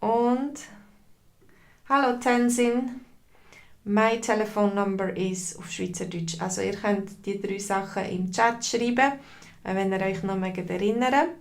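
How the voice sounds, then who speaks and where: A woman's voice: mid-range voice, steady tone, measured pace, creaky. A woman with a Swiss German accent teaching a live online lesson, patiently repeating phrases and greeting viewers in the chat. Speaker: language teacher.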